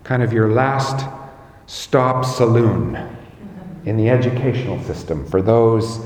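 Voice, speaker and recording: Man, pastor, measured sermon, roomy echo. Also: medium pitch, expressive, darkish tone. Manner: slow, measured preaching with emphatic rises.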